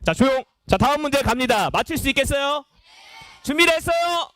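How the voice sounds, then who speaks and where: Bright, high-pitched young man leading kids' games. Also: quick pace. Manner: playful, energetic, calls out to a room of kids. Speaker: junior pastor leading a children's service. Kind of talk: lively quiz game with children. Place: church education hall.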